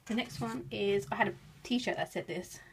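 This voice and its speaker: A woman from England, with an English accent, narrates casual show-and-tell of her craft work, chatty and giggly and often poking fun at herself. Her voice is mid-range at a normal speed, with slight background noise.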